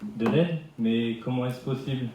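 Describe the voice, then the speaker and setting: A man's voice: mid-range voice, a little slow, mellow, dull audio, soft background music, natural voice. A young man playing a worried old husband. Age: 20s. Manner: earnest, pleading. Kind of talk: amateur stage sketch. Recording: echoey room.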